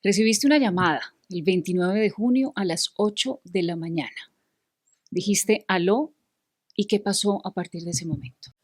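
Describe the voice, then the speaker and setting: A woman hosting a TV interview, speaking in a measured, serious way. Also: medium pitch, no echo, studio quality. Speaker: interviewer host. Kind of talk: TV interview with news-style introduction.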